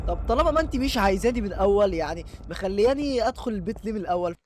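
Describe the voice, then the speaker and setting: A young man with an Egyptian Arabic accent giving jokey let's-play commentary on a horror game, swinging from muttering to panicked yelling. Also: high voice, expressive, very fast, a little hiss or hum. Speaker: gaming YouTuber.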